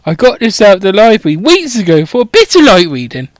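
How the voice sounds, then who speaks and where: A man's voice: high-pitched, huge pitch swings, quick pace, dry recording. A know-it-all teenage witch scolds her friends with plenty of swearing, played by a man in a raised voice. Her tone swings widely and lands hard on her insults. The delivery is close and dry. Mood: bossy. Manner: bossy, exasperated, sweary.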